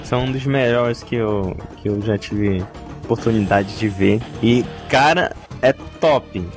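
A man's voice: lowish voice, a little slow. A man with a Brazilian Portuguese accent co-hosting a podcast in casual, enthusiastic, slangy fan chat. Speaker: podcast co-host. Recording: music behind the voice. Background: music.

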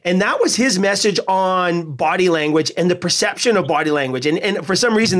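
A man hosting a podcast, telling a long story in a loose, animated way. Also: high-pitched. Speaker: podcast host.

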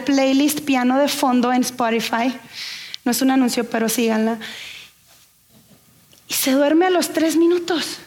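Young lady pastor giving a sermon, chatty, keeps asking the crowd stuff, pretty high voice. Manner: conversational preaching, asks the audience questions.

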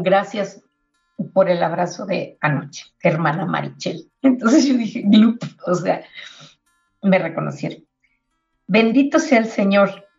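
Lady telling a faith story on the radio, gravelly voice, dull lo-fi sound, faint guitar behind. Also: medium pitch. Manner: warm storytelling with religious exhortation. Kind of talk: spiritual testimony on radio. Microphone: radio studio microphone.

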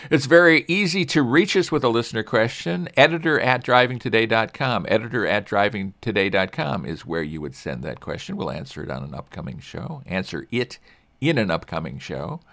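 A man's voice: fairly low pitch, animated, fairly quick, creaky, a bit bright. Chatty older male car-show host. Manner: chatty, self-deprecating, many restarts. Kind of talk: casual car-review talk.

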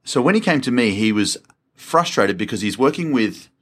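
A man's voice: mid-range voice, moderate pace. Upbeat man co-hosting a podcast. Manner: upbeat, laughing, animated talker. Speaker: podcast co-host. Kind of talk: casual business podcast chat.

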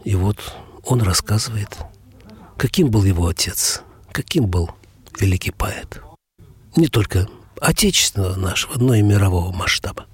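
A man narrates in a measured, solemn way as the show's host. His voice sits low and husky, recorded dry with no room sound around it. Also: expressive, no room sound. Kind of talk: scripted narration.

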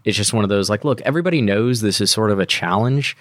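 A man's voice: on the low side, fast, fairly bright tone, no echo. A man co-hosting a podcast, explaining technical matters in a casual, colloquial way. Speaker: podcast co-host.

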